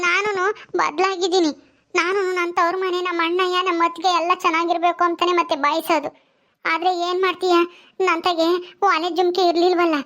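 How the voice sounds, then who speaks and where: A woman's voice: very high voice, fairly bright tone. A woman playing a tearful young village wife who pleads and pities herself, speaking. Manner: tearful, pleading, with many drawn-out "hmm"s.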